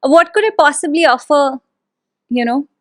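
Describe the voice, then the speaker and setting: A woman with a somewhat high voice hosts a podcast conversation. She speaks thoughtfully, with small hesitations and frequent agreement. The sound is dry and close. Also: moderate pace, no echo. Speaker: podcast host. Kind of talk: conversational interview.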